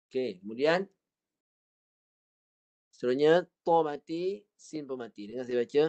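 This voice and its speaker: Speaking a little slowly, the Malaysian-accented man has an animated, medium-pitched voice with a darkish tone. He demonstrates every word of the Quran recitation for his class to repeat, and the online session's audio is dull and lo-fi.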